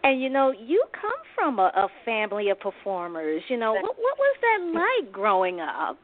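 Female host, gushing and halting, phone-quality audio. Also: fairly high pitch, wildly swooping pitch. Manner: effusive, halting with fillers. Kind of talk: radio interview. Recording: tinny phone-like line.

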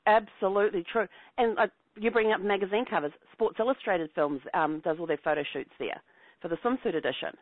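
A woman's voice: mid-range voice, brisk, no room sound. A woman host with a New Zealand accent, talking with bubbly, chatty enthusiasm in a casual travel interview. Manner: bubbly, chatty, laughs easily. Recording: dry phone-line sound.

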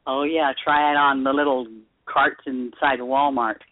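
A man's voice: mid-range voice, level tone, measured pace, dry recording. Man calling in on speakerphone. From Florida. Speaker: caller on a talk show. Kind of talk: casual chat, weather report. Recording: tinny dry phone line on speaker.

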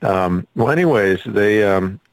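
A man's voice: fairly low pitch, animated, measured pace, dry recording. A man speaking as a musician and actor guest in a casual interview, earnest and a little hesitant.

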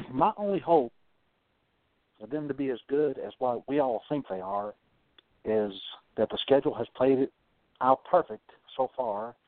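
Male call-in caller heard over the phone, a mid-pitched man from South Carolina who meanders and hedges. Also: no echo. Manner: meandering, hedging, clears throat often. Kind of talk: casual call-in chat. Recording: tinny phone line, dry.

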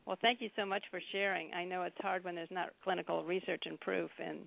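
A woman in her fifties calling in to a talk show, rambling with halting restarts. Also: fairly low pitch, fairly even intonation, creaky, dry recording. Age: 50s. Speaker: caller. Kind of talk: casual phone chat. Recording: dry phone line.

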